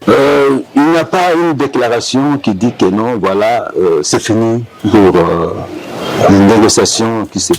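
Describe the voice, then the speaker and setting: A man speaking as a rebel group spokesperson in a press interview, halting with many hesitations. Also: lowish voice, poor audio.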